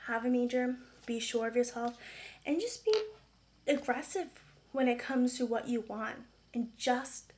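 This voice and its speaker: A woman's voice: fairly high pitch, a little mellow, a little hiss or hum. A young woman talking casually to her camera, earnest and chatty, with many fillers. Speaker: vlogger. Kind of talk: casual vlog talk.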